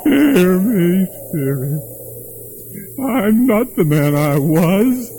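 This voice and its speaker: A man's voice: high voice, very animated, very slow, warm tone, faint music behind, exaggerated voice, rough recording. A man playing a giddy reformed old miser. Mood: pleading remorse. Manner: pleading, then overjoyed and breathless with laughter.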